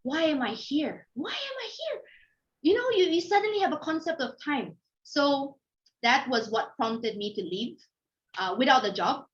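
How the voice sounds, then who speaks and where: Speaking at normal speed in a high voice, a middle-aged woman from Manila with a Filipino accent gives an informal motivational talk. As a guest speaker who founded a company, she recounts personal anecdotes with animation, dramatizing her own thoughts and quoted remarks, captured in dull, lo-fi audio.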